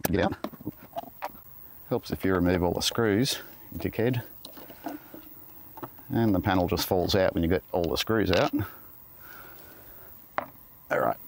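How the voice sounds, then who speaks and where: A man's voice: sits low, unhurried, creaky, long pauses, noisy background. A middle-aged Australian beekeeper talking casually to camera in an outdoor garden, muttering self-deprecating asides as he works. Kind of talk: casual hands-on talk to camera. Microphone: camera on tripod.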